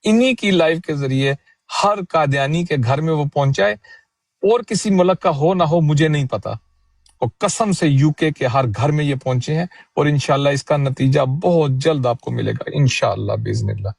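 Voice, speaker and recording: A man's voice: fairly high pitch, gravelly, dry recording, studio quality. Emphatic man hosting a panel chat. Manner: emphatic, swears oaths for emphasis. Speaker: host of a panel discussion. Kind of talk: casual heated panel chat.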